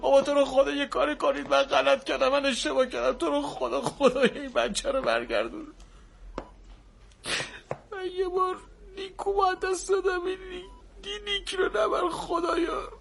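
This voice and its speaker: Heartbroken male nurse, high voice, begging and crying, bit of hiss behind. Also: expressive, creaky, few pauses, full character voice. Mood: pleading, sobbing. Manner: soft coaxing, then pleading and sobbing. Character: gentle male nurse who breaks down over a dying child. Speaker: hospital nurse.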